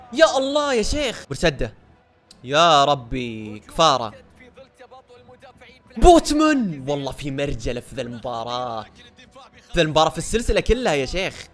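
A young man giving live commentary on his own football video game match, excitable and breaking into shouts over goals. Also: fairly high pitch. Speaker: gaming YouTuber.

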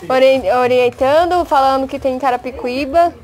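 A high-voiced Brazilian woman chats away on her phone camera in an outdoor park. She talks casually, laughs easily and coos at the kids around her. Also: normal speed, a little mellow. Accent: Brazilian Portuguese. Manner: chatty, laughs often, coos at a child. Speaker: vlogger. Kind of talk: casual vlog chat.

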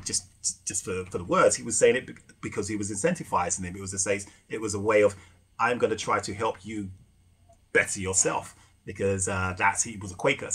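A middle-aged man telling stories in a relaxed podcast chat, with many fillers and restarts. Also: lowish voice, breathy edge. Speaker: guest, rum ambassador and former bartender. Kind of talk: casual podcast conversation.

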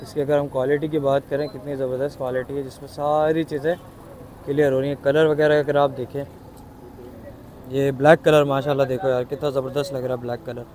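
This is a casual walking vlog in which a Pakistani man explores an open-air city bazaar, phone camera in hand, enthusiastically chatting and asking vendors what things cost. He speaks briskly in a mid-range, level voice with a darkish tone.

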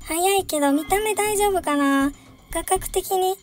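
A woman's voice: very high-pitched, measured pace, music in the background. A young woman commentating a horror chase game, giggling often and shrieking when chased. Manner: giggly, frequent laughter, shrieks in panic. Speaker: game streamer. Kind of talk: let's-play commentary.

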